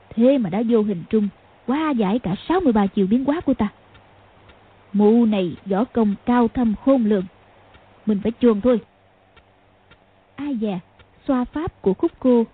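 A woman narrating a martial arts novel as an audiobook, with a steady, measured reading. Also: on the high side, husky. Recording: phone-like lo-fi sound.

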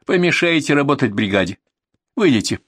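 A man's voice: medium pitch, big pitch swings, brisk, a bit bright, no room sound, voice pushed up. Man doing a blunt grumpy ambulance doc, curt, dry close sound. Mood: irritated. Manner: curt, irritated. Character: irritated blunt male ambulance doctor.

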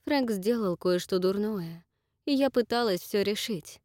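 A woman reading an audiobook, voicing a gentle, guilt-ridden woman who talks softly and slowly. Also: mid-range voice, no echo, clean studio sound, pitched above the performer's own voice, natural voice. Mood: gentle earnest. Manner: soft, slow, gentle. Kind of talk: audiobook character voice.

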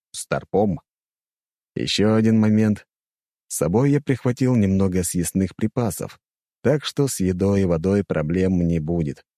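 Brief: male audiobook narrator, dark warm tone, animated delivery, dry close mic. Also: on the low side, dry recording. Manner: expressive storytelling. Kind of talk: scripted first-person narration.

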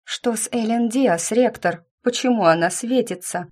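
A woman reading an audiobook and voicing a tearful young female student, with a high, shrill delivery. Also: measured pace, a little mellow, husky. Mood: frightened, accusing.

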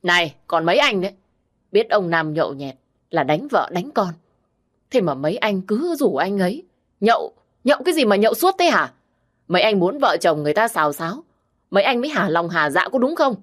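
A woman voicing a fierce, sharp-tongued young village woman who scolds bluntly. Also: medium pitch, very animated, fairly quick. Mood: scolding.

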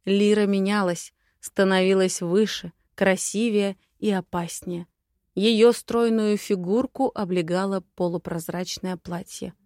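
Slow-paced woman narrating a fantasy. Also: mid-range voice, steady tone, a little mellow, no room sound, studio quality. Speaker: audiobook narrator. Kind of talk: first-person fantasy narration.

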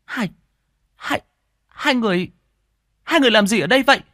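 Man voicing a jealous young woman, shrill falsetto, stammering, very dry audiobook sound. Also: animated, moderate pace, pushed and bright, no echo, exaggerated voice. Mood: accusing. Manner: shrill, stammering when upset. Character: jealous young village woman, hot-tempered.

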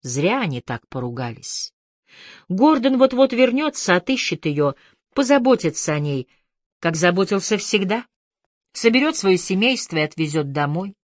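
A woman narrating a literary audiobook in a measured, expressive way. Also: medium pitch, dry recording, clean studio sound.

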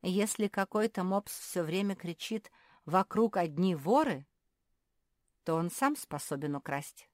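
A woman's voice: on the low side, animated, a little slow, dry recording, clean studio sound. A woman voicing a brave, bossy young female pet animal in a storybook, giving orders eagerly. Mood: bold. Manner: commanding, eager.

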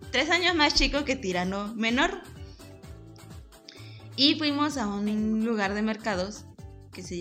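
A woman in her forties with a Mexican accent, a podcast host chatting casually and telling lively, laughing anecdotes with acted-out voices. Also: medium pitch. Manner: lively storyteller, laughs often, acts out voices. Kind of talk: casual chat.

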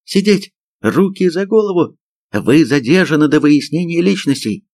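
A man's voice: medium pitch, sing-song, normal speed, no echo, pitched above the performer's own voice. A man voicing a young female army sergeant who shrieks commands in an audiobook. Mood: shrill commanding.

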